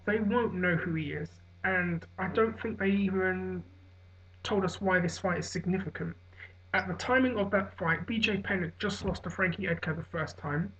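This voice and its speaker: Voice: mid-range voice, fairly bright tone. Hungover, rambling MMA commentator, dull lo-fi audio. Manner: rambling, self-correcting. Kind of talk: unscripted opinion commentary.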